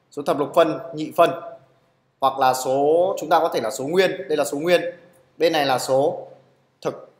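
A man's voice: fairly high pitch, reverberant. A man teaching a live programming class in a classroom, checking in with his students again and again. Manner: keeps asking "được chưa?" to check on students. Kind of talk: live classroom coding lesson.

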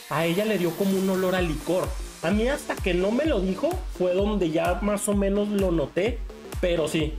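A man in his thirties with a Mexican accent, chatting casually and expressively through a perfume review at home. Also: sits high. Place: small home room, indoors.

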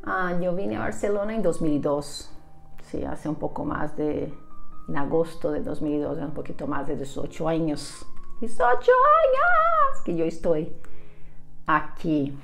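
A woman's voice: low-pitched, fairly even intonation, a little slow, vocal fry, faint music behind. A woman in her forties from São Paulo with a Brazilian Portuguese accent, a native Portuguese speaker, telling stories as an English teacher in a chatty way, often laughing and ending sentences with "¿no?". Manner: chatty, laughing, frequent "¿no?" tags. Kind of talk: casual storytelling lesson.

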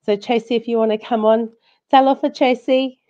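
A woman's voice: a little high, steady tone, normal speed, dark tone. A woman, hosting a casual live talk show from a small room. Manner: hesitant, informal phrasing with Samoan greetings. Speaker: live stream host. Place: small room indoors at home. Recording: dull lo-fi video call audio.

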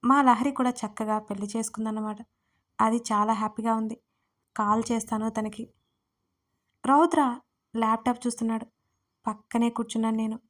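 A woman narrating a romantic audio story in the first person, lively and playful. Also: on the high side, normal speed, long pauses.

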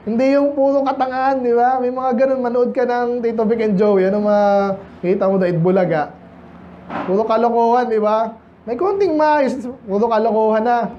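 A Filipino man preaching a blunt, scolding sermon in a church, switching between Tagalog and English and slowing down to quote scripture. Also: extremely high pitch, dull audio, a little hiss or hum. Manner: blunt, scolding, asks the congregation frequent questions. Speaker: pastor.

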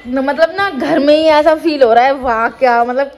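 A woman's voice: high voice, normal speed, echoey room. A young woman chatting casually in a family vlog, often checking "है ना?" with her partner. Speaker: vlogger.

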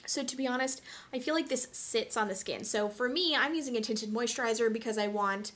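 A woman's voice: on the high side, a little fast, a bit bright, a little hiss or hum. A young woman chatting casually through her daily beauty products, frank and talkative with lots of ums and side remarks. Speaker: beauty vlogger. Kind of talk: casual product review chat.

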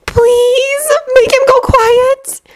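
Woman doing a high, dreamy girl with a distant, floaty voice; storybook reading. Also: little pitch movement, very slow, exaggerated voice. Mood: dreamy, pleading. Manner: soft, dreamy, faraway way of talking. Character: dreamy, distant young witch girl, calm. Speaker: narrator reading a story aloud.

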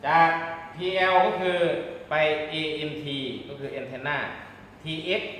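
A man's voice: fairly high pitch, slow pace, fairly bright tone. A man giving a hands-on demonstration lesson as an instructor, explaining politely step by step. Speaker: radio communications instructor. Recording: very echoey room, background noise.

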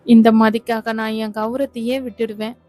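Woman voicing an earnest lawyer husband, placating, flat delivery, storybook. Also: a little high, normal speed, soft background music, close to an everyday voice.

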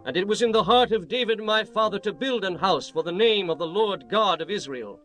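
A man's voice: high-pitched, brisk, a bit bright. An actor playing a reverent king in a dramatized scripture reading, solemn and declamatory as he addresses God and his people. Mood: proud, reverent. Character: King Solomon, reverent male monarch praying and blessing. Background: music.

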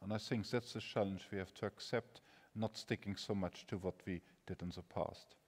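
A man's voice: on the low side, steady tone, normal speed, a little mellow, husky. A man from Germany, speaking on a conference panel in an earnest, wry, emphatic way. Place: large conference hall stage. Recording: reverberant conference hall.

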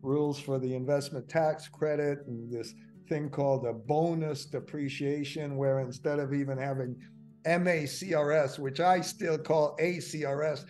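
An older man teaching a finance webinar in a fairly high voice, rambling through fillers and restarts. He corrects himself often and gets worked up over small points. Faint music plays behind him. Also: moderate pace. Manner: rambling, many fillers and self-corrections, excitable. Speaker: finance instructor. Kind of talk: webinar lecture.

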